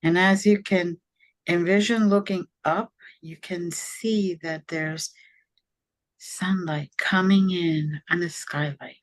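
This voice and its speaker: A woman leading a guided meditation in a soft, soothing, measured way, with long pauses between phrases. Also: fairly low pitch, fairly even intonation.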